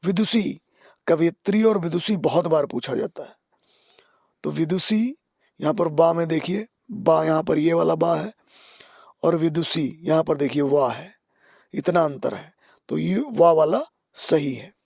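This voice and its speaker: A man teaching exam spelling, patient, repeating key words and dropping to soft asides. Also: a little high, measured pace, gravelly, husky, no echo, studio quality. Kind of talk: explaining spelling on screen.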